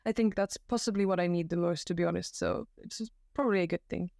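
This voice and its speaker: Sitting on the floor of a new room in her home, this young woman from Belgium chats as a podcast guest about volunteering at climbing competitions, poking fun at herself and restarting often. She talks fast in a lowish, slightly mellow voice with vocal fry. Her home setup sounds clean and studio-like with no room sound.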